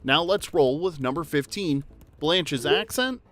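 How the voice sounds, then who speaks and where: A man's voice: a little high, lively intonation, measured pace, a bit bright. A man narrating a trivia video in an upbeat, jokey, conversational way. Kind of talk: scripted narration.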